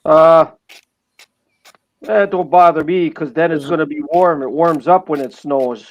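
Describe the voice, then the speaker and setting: A man's voice: fairly high pitch, a little slow, lo-fi sound. A man chatting on a livestream as a guest, plain-spoken and joking. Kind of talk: casual chat.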